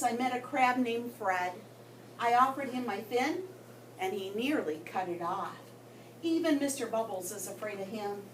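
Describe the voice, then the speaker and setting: A female guest reader tells a story to children in a higher-pitched, expressive voice, using dramatic pauses and emphasis. A distant microphone captures her across a roomy space with background noise.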